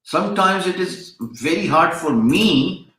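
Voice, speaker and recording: Lecturing casually on a live stream, this chatty freelancing instructor has a fairly high, slightly bright voice with lively intonation at a measured pace. Urdu is his first language, and he wanders through his points with many fillers and restarts in an echoey room.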